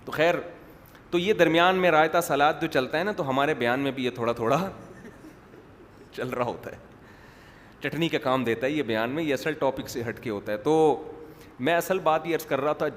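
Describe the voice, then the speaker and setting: Preacher guy, kinda high voice, cracks jokes and goes off topic, long echo, faint noise. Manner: digressive, joking, acts out quotes. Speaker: Islamic preacher. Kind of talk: humorous religious lecture. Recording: reverberant hall, faint background noise.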